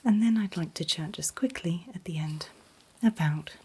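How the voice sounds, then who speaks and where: An ASMR performer plays a calm, attentive dentist soothing a patient, giving gentle, reassuring, unhurried instructions. She speaks in a breathy, mostly unvoiced whisper with a lowish voice.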